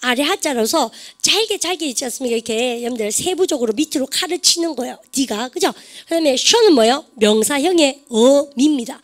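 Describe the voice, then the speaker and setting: A woman teaching an online English grammar lesson, quizzing her students with quick questions. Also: sits high.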